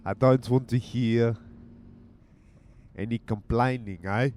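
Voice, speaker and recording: A man's voice: medium pitch, fairly even intonation, slow pace, a little mellow, a little hiss or hum. A man hosting his own podcast, chatting casually and teasing in a mock-stern way from inside his car. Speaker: podcast host. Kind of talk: casual rambling monologue while driving. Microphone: handheld mic with headphones.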